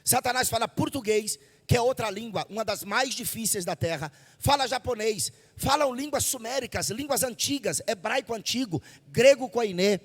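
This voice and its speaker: High-pitched shouting Brazilian preacher man. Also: moderate pace, husky, in a large hall. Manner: fervent, shouting, repeats phrases for the congregation. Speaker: pastor. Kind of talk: Pentecostal sermon. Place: church service. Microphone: handheld microphone.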